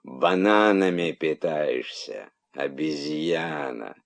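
A man's voice: lowish voice, expressive, measured pace, darkish tone. A man growling as a menacing python king. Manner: stern, threatening.

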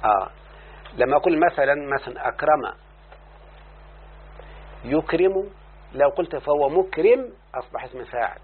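A man's voice: a little high, animated, moderate pace, pauses often, husky. Egyptian-accented man teaching over a tinny recording. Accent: Egyptian Arabic. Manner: checks understanding with constant questions to the student. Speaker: teacher of Arabic morphology. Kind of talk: classroom lesson. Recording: tinny lo-fi recording with faint hum.

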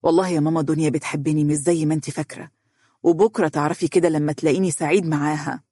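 A man playing a soft-spoken, devoted young man with an Egyptian accent. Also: fairly high pitch, little pitch movement, rapid-fire, no echo, studio quality, natural voice. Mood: gentle. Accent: Egyptian Arabic.

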